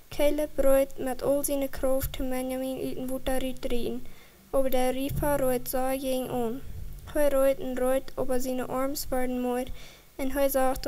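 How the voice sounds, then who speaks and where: A woman reading a children's story aloud in a steady, even manner. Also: high voice, low-quality recording.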